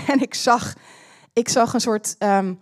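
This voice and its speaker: A woman with a fairly high voice preaching to her church. She tells a personal testimony in a chatty, storytelling way and slips English phrases into her talk. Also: takes it slowly. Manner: chatty, laughing asides.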